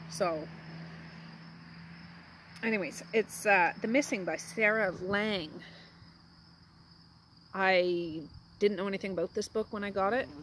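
A woman's voice: mid-range voice, a bit bright, a little hiss or hum. Chatty woman hosting a homey book chat. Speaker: book vlog host. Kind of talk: casual book chat over tea. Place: home, indoors.

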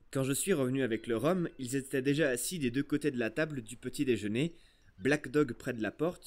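A man narrating an adventure novel aloud in an expressive, storytelling way. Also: medium pitch. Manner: expressive storytelling, first-person voice of a boy. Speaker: audiobook narrator. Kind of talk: scripted narration.

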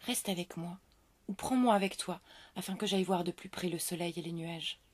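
A woman voicing a gentle, pleading female rose in a storybook reading, speaking softly and tenderly. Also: on the low side, normal speed, natural voice.

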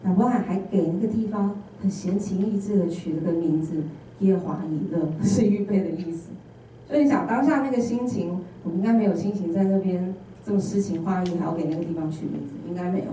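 A woman's voice: on the low side, fast talker, a little hiss or hum. A woman with a Taiwanese Mandarin accent giving a sermon as an intern preacher, telling humorous personal stories and acting out bits of dialogue. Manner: animated storytelling with humorous personal anecdotes and acted-out dialogue. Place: church sanctuary. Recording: echoey church hall, voice from a distance.

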